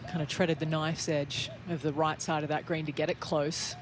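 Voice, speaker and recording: A man with a slightly high voice gives golf commentary as an analyst, talking through play in a conversational way. Noticeable open-air course noise sits behind him. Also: level tone, moderate pace. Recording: clear outdoor background noise.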